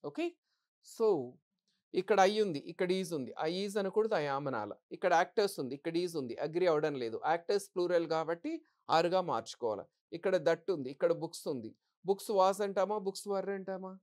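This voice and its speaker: Lively low-voiced woman teacher. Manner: asks the class questions and answers them herself; reads English example sentences slowly and deliberately. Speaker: English grammar teacher. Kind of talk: exam-prep grammar lesson.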